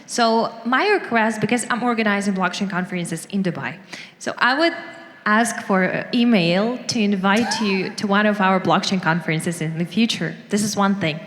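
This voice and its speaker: A woman's voice: mid-range voice, normal speed, fairly bright tone. A woman from Ukraine with a Ukrainian accent, asking a question from the audience at a live event. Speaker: audience member, conference organizer. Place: large conference hall, audience microphone. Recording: echoey conference hall.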